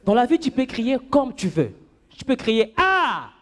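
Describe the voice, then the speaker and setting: A man doing a stand-up comedy set on stage, playful and animated, breaking into falsetto and shouts for gags. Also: normal speed. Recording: live club with audience.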